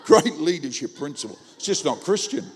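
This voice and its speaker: A man preaching with comic timing, acting out every quote and jumping from quiet asides to shouts. His voice sits high and swings widely in pitch. The sound carries a long reverb from a large auditorium. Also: fairly quick, husky. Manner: animated, comic, acts out quotes with big jumps in loudness. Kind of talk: humorous sermon storytelling.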